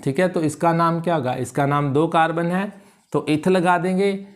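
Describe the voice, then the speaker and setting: Guy teaching chem in class, kinda high voice, keeps asking "got it?" and says names slow. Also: steady tone. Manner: checks understanding with repeated questions; calls students "beta" warmly. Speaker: chemistry teacher. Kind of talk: classroom lecture at a board.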